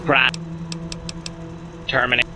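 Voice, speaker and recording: A man voicing a stiff robot refugee assistance unit, speaking in clipped, monotone machine phrases with a computer-processed voice. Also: mid-range voice, slow pace, a little hiss or hum. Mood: mechanical.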